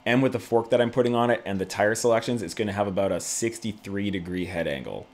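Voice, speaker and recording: A man's voice: on the low side, quick pace. A man hosting a casual livestream, chatting to viewers in a laid-back, conversational way. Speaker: YouTube channel host.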